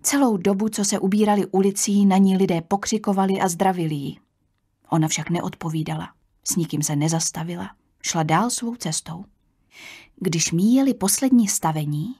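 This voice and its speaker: A woman narrates a children's audiobook at an even, measured pace. Her voice sits in a middle register and stays calm and clear. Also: medium pitch.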